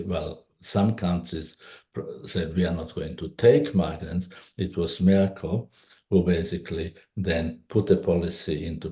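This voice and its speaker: A man's voice: deep voice, warm tone, reverberant. A man answering as a panelist at an academic symposium, speaking hesitantly with frequent fillers.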